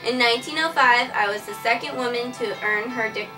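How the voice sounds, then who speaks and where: A woman with a slightly high voice narrates a scripted first-person history story, reading briskly, plainly, and earnestly. She's recorded on a distant mic with faint music in the background.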